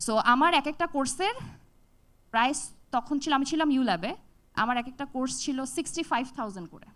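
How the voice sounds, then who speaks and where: A young woman speaks to an audience in a high, bright voice. She tells a personal story with energy and switches voices to play out the dialogue. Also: a little fast. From Bangladesh. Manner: animated, acts out dialogue with shifts in voice. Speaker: TEDx speaker. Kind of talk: storytelling talk.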